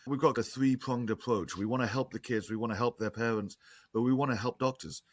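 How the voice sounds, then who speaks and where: A man's voice: medium pitch, steady tone, brisk, no echo. A man with a slight lisp, a nonprofit guest on a podcast, explaining earnestly and restarting his sentences often. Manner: earnest, talkative, many restarts. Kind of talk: podcast interview, casual explaining.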